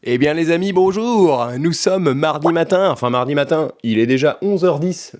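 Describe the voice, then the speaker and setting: A man's voice: on the high side, lively intonation, moderate pace, noisy background. A man from France in his thirties, chatting informally to camera in a casual vlog, full of fillers and slang. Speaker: vlogger.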